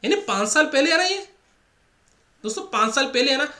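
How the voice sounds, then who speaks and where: In an echoey room, a Rajasthani Hindi-accented math teacher leads exam prep, going over each step again and again and firing rhetorical questions at his students. His voice is very high, brisk, pushed and bright, with lively intonation.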